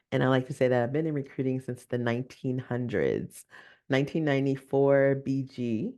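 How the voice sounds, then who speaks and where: A woman with a hoarse, scratchy voice from a cold, introducing herself as a consultant on a webinar in a warm, lively way. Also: a bass voice. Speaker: value consultant. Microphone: video call.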